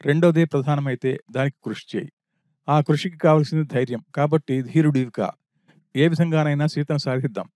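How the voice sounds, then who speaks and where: A man reading as an earnest younger brother, dark-voiced. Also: a little high, no room sound, clean studio sound, lightly acted. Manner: earnest, exhorting. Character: loyal younger brother urging courage.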